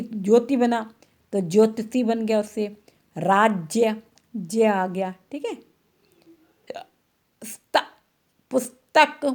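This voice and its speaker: A woman's voice: medium pitch, a little mellow. A woman teacher giving an online class, patiently repeating words and checking that pupils follow.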